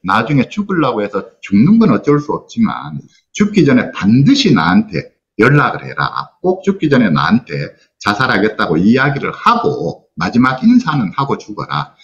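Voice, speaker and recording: Earnest older man lecturing, lively pitch. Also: normal speed, few pauses, highs cut off. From South Korea. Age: 60s. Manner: earnest, explanatory, quotes parents' words aloud. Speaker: psychologist and counselor giving a lecture. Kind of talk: online class lecture. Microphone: lo-fi video call audio.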